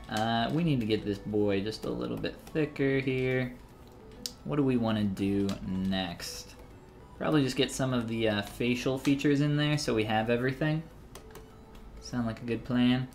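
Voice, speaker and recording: Thirties guy chatting through a live sculpt tutorial, jokey, reads chat out, faint music and typing behind. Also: medium pitch. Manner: chatty, joking, reads chat aloud while working. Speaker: 3D sculpting streamer.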